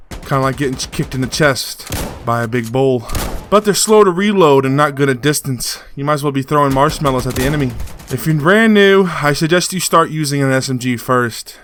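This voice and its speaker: A man's voice: mid-range voice, a bit bright, dry recording. A man hosting a casual game tutorial voice-over, coaching beginners in a joking, hyped-up way. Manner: joking, hype-filled coaching. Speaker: gaming channel host.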